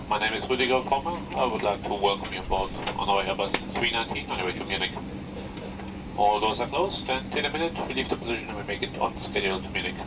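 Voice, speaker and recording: A man as airline captain, giving a formal, polite welcome from the cockpit headset over the cabin loudspeaker. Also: on the low side. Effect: captain speaking from the cockpit headset over the cabin loudspeaker. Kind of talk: in-flight captain's announcement. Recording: distant cabin PA over loud engine noise.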